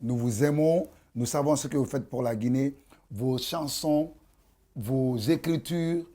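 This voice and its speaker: A man's voice: medium pitch, unhurried, warm tone. A man with a Guinean accent interviewing a guest as a journalist, hesitating and repeating himself as he goes. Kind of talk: lively conversational interview.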